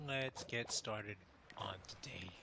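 A man's voice: on the low side, takes it slowly, a loud crowd. A man giving playful, jokey commentary while playing a video game. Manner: playful, jokey, chatty to himself. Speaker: let's play gamer. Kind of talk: casual gameplay commentary. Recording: home recording with clear background noise.

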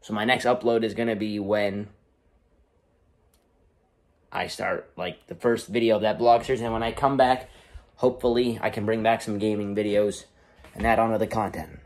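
A man's voice: fairly low pitch, flat delivery, moderate pace, long pauses, darkish tone. A teenage boy chatting casually to camera as a vlogger, speaking from inside a football helmet into a phone held at arm's length in a room at home. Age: teens. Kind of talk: casual vlog chat to camera. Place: small indoor room at home.

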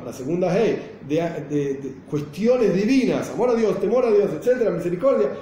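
High-voiced rabbi in an echoey room. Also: male voice, dark tone. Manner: explanatory, rhetorical questions, acts out an angry outburst. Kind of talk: Torah lesson. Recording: very echoey room, faint noise.

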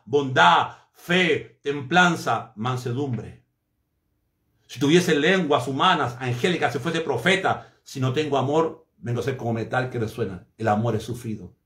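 Man, preacher, fervent sermon, emphatic repetition, slightly high voice, echoey room.

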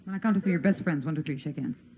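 Brisk, teasing woman hypnotist, fast-talking, low and mellow, faint hiss of old 1960s TV audio. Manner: brisk, teasing, giving quick commands. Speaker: stage hypnotist. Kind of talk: live TV hypnosis demonstration.

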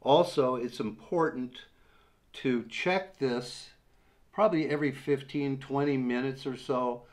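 This how-to demo features a fishing instructor in his sixties at a table in a small room, patiently and slowly laying out a fishing rig step by step with many uhs. His pitch sits in the middle range, and the audio comes from a camera placed in front of him at desk distance.

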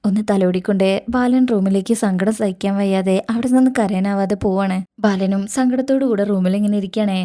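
A woman recaps a serial episode in steady, matter-of-fact narration. Her voice is mellow and dark, at an ordinary pitch. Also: fairly quick, few pauses.

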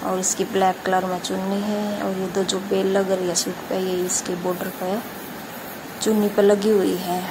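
A woman, calmly narrating her village chores in a homely running commentary for her vlog. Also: medium pitch, normal speed, background noise. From India. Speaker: village life vlogger. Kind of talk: casual voice-over narration of daily chores.

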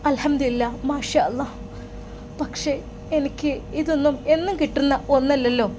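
A woman plays a fearful young wife, her voice soft and hushed and set above her usual talk. She sounds anxious under her gratitude. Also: sits high, steady tone, normal speed, slight background noise, lightly acted.

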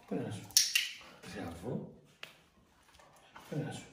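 A man who trains dogs, giving short repeated commands and lively praise at a training school. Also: lowish voice. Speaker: dog trainer. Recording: roomy, distant mic, loud noise.

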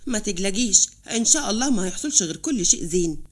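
A woman's voice: mid-range voice, lively intonation, rapid-fire, voice pushed down, natural voice. A woman voicing a caring young man, an engineer, who speaks with an Upper Egyptian accent and reassures his mother earnestly. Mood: reassuring.

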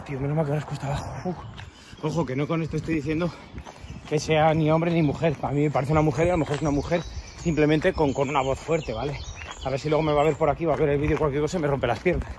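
Background noise accompanies this fairly high-pitched man from Spain, speaking with a Peninsular accent. Out of breath on a steep trail, he delivers a crude, meandering, sarcastic walking rant to his camera.

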